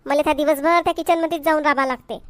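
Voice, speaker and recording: Playing a sharp-tongued, exasperated village wife in a cartoon comedy, a woman complains and scolds in Vidarbha's Varhadi Marathi accent, fed up with everything. Her high voice races with a steady tone, close to everyday speech, with no room sound.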